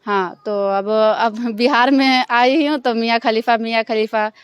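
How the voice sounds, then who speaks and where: A young woman talks through her answers with frequent fillers and restarts. Her voice sits a little high and comes out smooth and clean. The sound is dry and close, with no room around it. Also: steady tone, no room sound. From Bihar, India. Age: young adult. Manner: halting, many fillers and restarts. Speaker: stage dancer, interview guest. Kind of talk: casual interview answers.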